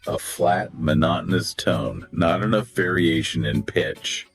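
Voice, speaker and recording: A man co-hosting a scripted podcast dialogue, animated and acting out example phrases with big pitch swings. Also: measured pace, creaky. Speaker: podcast co-host. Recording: soft music behind the voice.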